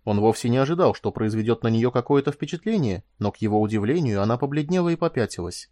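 Audiobook narrator, male, measured delivery, dry studio mic. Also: no room sound. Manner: raises pitch and volume for dialogue, calm in narration. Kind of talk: scripted narration voicing all characters.

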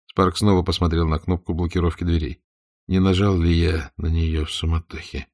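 A man with a very low voice reads a novel aloud, steady and unhurried. The recording is close and dry, with no room sound around him. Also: no room sound. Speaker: audiobook reader. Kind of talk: audiobook narration.

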